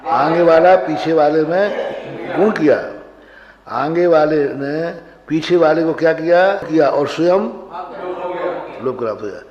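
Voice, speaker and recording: A man, a monk, teaching Sanskrit grammar to a class, quizzing students and chanting rules slowly. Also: a little high, crowd noise. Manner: questions the class and recites rules in slow chant. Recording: dull, roomy hall recording.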